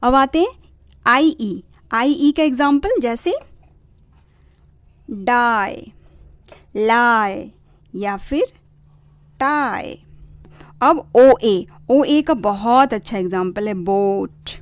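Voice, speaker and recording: A woman hosting a parenting channel, slowly and patiently explaining reading rules to parents and sounding out words. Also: on the high side, expressive, no room sound. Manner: slow and patient, spelling out sounds. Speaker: parenting channel host teaching phonics.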